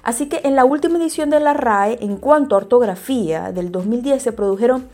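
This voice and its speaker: Mellow-voiced woman teaching, many hesitations. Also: fairly high pitch, brisk, soft background music. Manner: hesitant, many fillers and restarts; addresses listeners directly. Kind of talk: explaining spelling rules to viewers.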